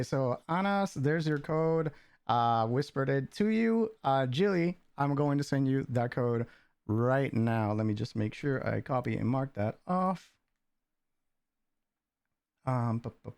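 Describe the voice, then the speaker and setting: A man hosting a livestream, chatting casually and getting excitable, bursting into laughter and shouts. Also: mid-range voice, slow, smooth, no echo, clean studio sound. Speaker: stream host.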